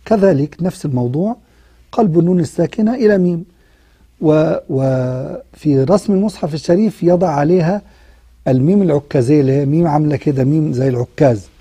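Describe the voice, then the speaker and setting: A man with an Egyptian accent teaching Quran recitation in a recorded online lesson. He explains patiently and slows down to demonstrate each sound. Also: on the high side, warm tone, husky, no room sound. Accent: Egyptian Arabic.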